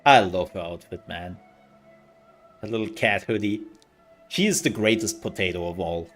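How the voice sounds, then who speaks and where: A man's voice: lowish voice, expressive, moderate pace, a bit bright, faint music behind. A man giving casual live gaming commentary, rambling and thinking aloud as he plays. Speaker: livestreamer.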